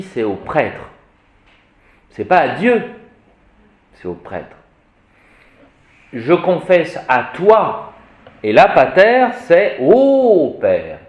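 A man teaching Latin in a classroom lecture, animated and fond of vivid examples, often checking that his listeners follow. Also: medium pitch, echoey room, muffled recording. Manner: animated, repeats "vous voyez", vivid examples.

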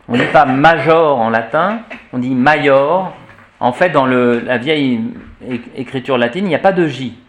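A male teacher leads a pronunciation lesson, speaking slowly with a slightly raised pitch. He spells out letters one by one and repeats each example word, pausing on fillers as he thinks. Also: slight background noise. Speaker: teacher of church Latin pronunciation. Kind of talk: classroom lesson.

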